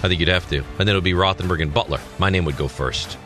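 A man's voice: sits low, very fast, fairly bright tone, soft background music. A man hosting a sports radio show, teasing his co-host and announcing bracket matchups with frequent laughter.

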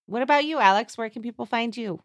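A woman's voice: on the high side, fast, no room sound, clean studio sound. A woman co-hosting a podcast, casually plugging her links in a friendly, upbeat way. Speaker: podcast co-host.

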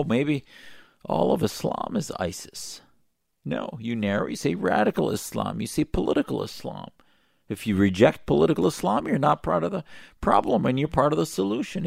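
A man's voice: medium pitch, creaky, no room sound, studio quality. A man hosting a talk radio show, delivering impassioned, emphatic commentary with a sarcastic edge.

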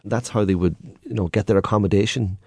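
A man's voice: lowish voice, fast talker, a little mellow, breathy edge, dry recording, studio quality. An Irish man telling stories and anecdotes in a lilting, conversational, colloquial way. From Ireland. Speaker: guest, tour guide and storyteller.

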